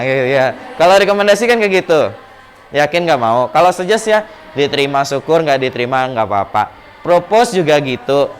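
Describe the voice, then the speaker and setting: Indonesian man teaching in a classroom. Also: fairly high pitch. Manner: explains patiently, repeats words to drill pronunciation. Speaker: English teacher. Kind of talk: classroom lesson.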